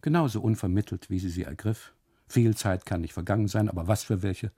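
A man's voice: on the low side, brisk, mellow, slightly rough. A man reading a literary first-person monologue for radio, in a detached, brooding narrating voice.

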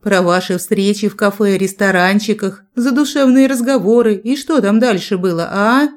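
A woman's voice: mid-range voice, moderate pace, close to an everyday voice. A woman voicing a scornful, mocking rich older husband in an audiobook. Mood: sneering. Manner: sneering, taunting.

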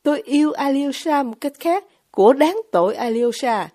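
A woman's voice: high-pitched, animated, moderate pace, dark tone, pitched above the performer's own voice. Woman reading as a passionate, ashamed young woman. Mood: confessional. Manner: emotional, heightened, pleading. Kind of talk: audiobook character reading.

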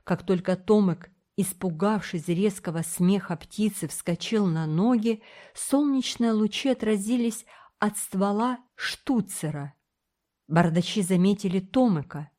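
Woman, audiobook narrator, children's adventure story, expressive, steady, mellow dark tone. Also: medium pitch, measured pace.

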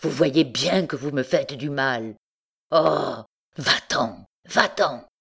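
A woman reading the lines of a tormented young husband who pleads to be left alone, in an audiobook, at a slow, unhurried pace. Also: a bass voice, creaky, fairly bright tone, breathy edge, exaggerated voice. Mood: anguished.

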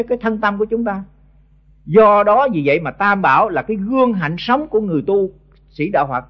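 A man's voice: high-pitched, lo-fi sound. An older man with a Southern Vietnamese accent giving a blunt, scolding Buddhist sermon to monks, often stumbling over repeated words, on an old tape recording. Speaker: Buddhist monk teacher.

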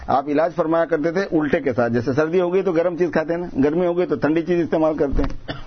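A man's voice: a little high, lo-fi sound, a little hiss or hum. A man giving a sermon, explaining patiently and repeating phrases for emphasis. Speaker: religious preacher.

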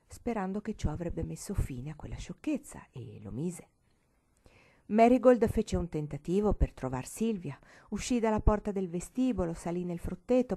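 A woman's voice: mid-range voice, warm tone. A woman reading a storybook aloud expressively, sometimes dropping to a whisper. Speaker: audiobook reader.

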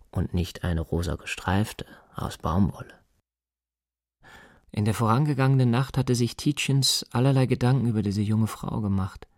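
A man narrates a literary radio drama in a measured, even manner. His voice sits low and the sound is dry and close. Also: dry recording.

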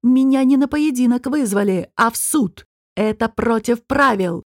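A woman's voice: a little high, unhurried, dry recording, studio quality, natural voice. Woman voicing a proud defensive regent. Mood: indignant.

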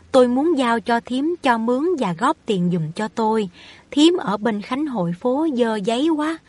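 A woman voicing a kind, wealthy older man in a storybook reading, speaking in a calm, measured way. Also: on the high side, slightly rough, no echo.

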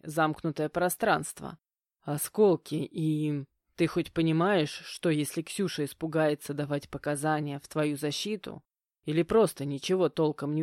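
A woman's voice: low-pitched, darkish tone, no echo, studio quality, lightly acted. A woman reading an audiobook voices a stern, grumbling middle-aged stepfather who speaks curtly. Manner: grumbling, curt, commanding. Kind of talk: audiobook character voicing.

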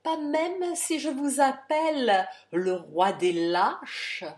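A woman's voice: on the high side, expressive, unhurried. A woman voicing a haughty insolent count. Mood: insolent taunting. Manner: biting, haughty, taunting. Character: arrogant, insolent male aristocrat count.

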